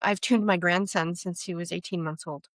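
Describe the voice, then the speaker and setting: A woman's voice: fairly low pitch, normal speed, no room sound. A middle-aged woman, a guest on a casual podcast interview, explaining her energy work and acting out quoted voices in her stories. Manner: animated storyteller, acts out quoted voices.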